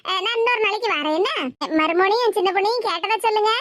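A woman with a Tirunelveli Tamil accent voicing a courteous older in-law in an animated cartoon comedy, in a low, polite and soft voice. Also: fast talker, no echo.

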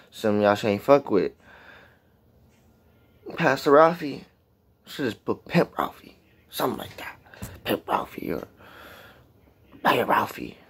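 A man hosting a casual reaction video, cursing freely and hyping up the song he is listening to. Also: fairly low pitch. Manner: profane, hyped, talks back to the song.

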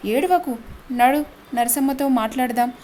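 Woman doing a gentle housewife. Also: high voice, a little slow, a little hiss or hum. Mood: coaxing. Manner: soft, coaxing. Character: kindly middle-aged village housewife.

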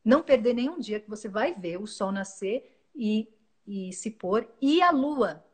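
A woman, giving a calm, earnest spiritual talk as a guest, often restarting her words mid-phrase. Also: medium pitch, a little slow, slightly rough. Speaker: guest speaker.

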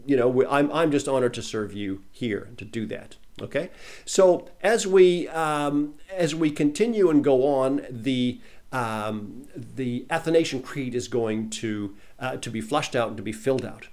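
A man giving a Bible teaching in an earnest manner, repeating key lines for emphasis, and he slows down and swells when reading scripture aloud. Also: mid-range voice, a little mellow.

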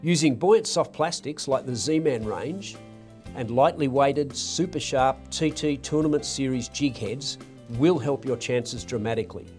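A male narrator reads a scripted voice-over in a smooth, promotional manner. His pitch is middle and steady. Soft guitar music plays underneath. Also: unhurried. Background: faint guitar music.

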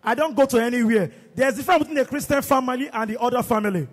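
A man's voice: very high-pitched, racing, husky. A man acting as MC at a wedding reception, talking emotionally and repetitively as he coaxes the crowd. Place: large reception hall. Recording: echoey hall with faint music.

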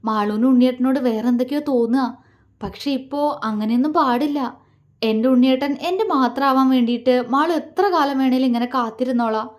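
A woman's voice: high voice, brisk, natural voice. A woman voicing a loving, teasing young wife in an audio love story, affectionate and coaxing. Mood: tender. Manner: affectionate, coaxing, softly pleading.

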